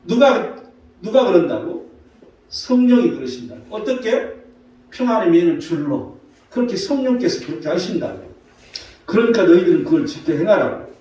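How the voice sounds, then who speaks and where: Pastor guy preaching sunday service, kinda high voice, lots of scripture refs and questions to the crowd, big echoey church. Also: big pitch swings, moderate pace, long pauses, mellow. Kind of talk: Sunday morning sermon. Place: church sanctuary. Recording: very echoey hall from far off.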